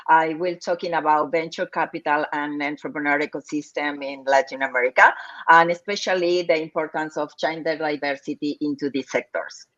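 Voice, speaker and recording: Woman, Argentine accent, very low voice, hesitant, muffled call audio. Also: steady tone, a little fast, fairly bright tone. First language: Spanish. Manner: hesitant, non-native English. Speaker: guest.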